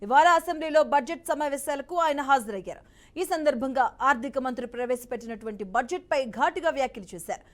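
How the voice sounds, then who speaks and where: A woman news anchor reading a scripted report in a crisp, formal tone. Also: sits high, fast talker.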